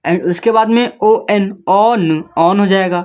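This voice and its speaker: A man's voice: high voice, steady tone, takes it slowly, a little mellow, clean tone. Patient man spelling words out. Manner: patient, spells words letter by letter, keeps checking in with the listener. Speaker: English reading teacher. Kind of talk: step-by-step spoken lesson.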